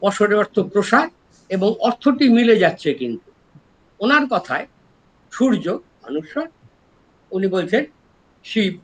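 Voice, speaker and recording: An older man from East Bengal with an East Bengali accent, a retired professor giving a scholarly lecture and explaining word origins slowly, step by step. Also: high-pitched, low-quality recording. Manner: explains slowly and step by step, lively rises and drops in voice.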